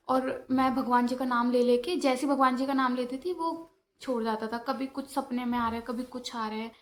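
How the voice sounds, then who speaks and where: A young woman casually recounting her own ghost experience, conversational and halting, with frequent restarts. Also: sits high, fairly bright tone. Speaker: storyteller. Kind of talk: casual personal ghost story.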